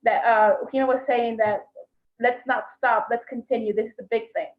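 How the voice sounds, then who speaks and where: A woman's voice: a little high, steady tone, moderate pace. A woman interpreting live on a video call, hesitant with fillers and restarts, heard over a bad internet connection. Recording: muffled, echoey video call audio.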